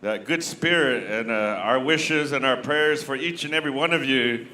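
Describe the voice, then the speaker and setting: A man speaking unscripted as a powwow emcee, offering well-wishes in halting phrases. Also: medium pitch, sharp tone. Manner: halting phrases, repeatedly saying "you know". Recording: faint background noise, live event.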